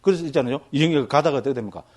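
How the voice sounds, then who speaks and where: A man's voice: medium pitch, racing. A male Buddhist monk giving a doctrine lecture. He keeps checking in with his listeners after almost every phrase and tells graphic examples with sound words. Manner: lively, tags nearly every phrase with a check-in question to the listeners.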